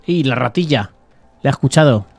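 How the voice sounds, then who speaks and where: A man's voice: medium pitch, animated, brisk, creaky, a little hiss or hum. A man with an accent from Spain, a game streamer giving casual commentary as he plays.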